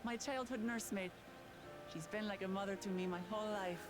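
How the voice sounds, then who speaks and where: A woman's voice: medium pitch, fairly even intonation, brisk, lightly acted. A woman voicing an earnest, humble young princess in a video game, sincere and plain-spoken. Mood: fond, sheepish. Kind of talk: video game cutscene acting. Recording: game music behind the voice.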